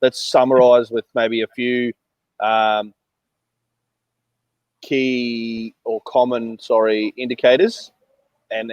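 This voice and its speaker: A male co-host of a live business talk show, calmly affirming points and summing up the discussion. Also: fairly low pitch, no echo, highs cut off. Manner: calm, affirming, summarizing. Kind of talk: casual panel chat.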